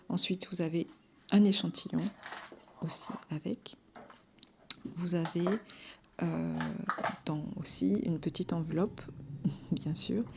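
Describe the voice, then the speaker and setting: A woman's voice: lowish voice, vocal fry, a little mellow, a little hiss or hum. A young woman vlogging casually about her giveaway, chatty and full of fillers. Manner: chatty, many fillers and repeated "voilà". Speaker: hair care vlogger. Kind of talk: casual vlog presenting giveaway prizes.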